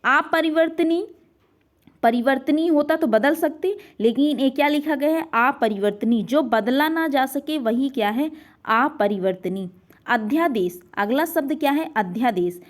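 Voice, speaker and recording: A woman's voice: sits high, unhurried. A woman teaching a revision lesson on grammar, asking questions and answering them herself while repeating each answer, now and then dropping in an English word. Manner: drops in English words like next and pronunciation.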